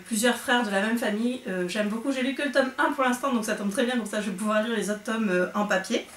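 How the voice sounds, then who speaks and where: A young woman chatting excitedly through an unboxing vlog, with lots of fillers. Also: on the high side, reverberant, far from the mic, a little hiss or hum. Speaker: book vlogger.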